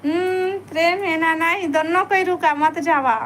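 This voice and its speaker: Chhattisgarhi lady on a live stream, high voice, keeps begging folks to stay, bit of noise behind. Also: steady tone, unhurried, fairly bright tone. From Chhattisgarh, India. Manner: pleading, coaxing viewers to stay and like. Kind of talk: casual live-stream chat with viewers.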